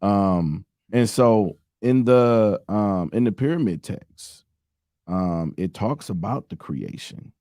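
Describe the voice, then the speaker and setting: A man co-hosting a podcast, explaining his views in a measured way with many fillers during a casual debate. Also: lowish voice, expressive, dark tone, no room sound, clean studio sound. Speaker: podcast co-host.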